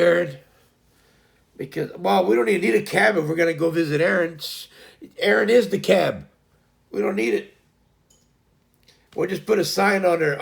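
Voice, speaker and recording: A man's voice: a little high, gravelly. A man hosting a livestream, rambling loosely through a casual story with lots of fillers and restarts. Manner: frequent laughter. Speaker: livestream host.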